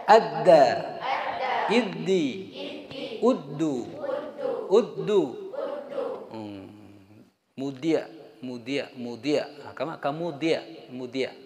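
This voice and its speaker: A man's voice: on the high side, expressive, very slow, long pauses. A man teaching Quran letter pronunciation in a live class, drilling sounds aloud and joking with his students. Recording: echoey room, crowd behind. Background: students in the room.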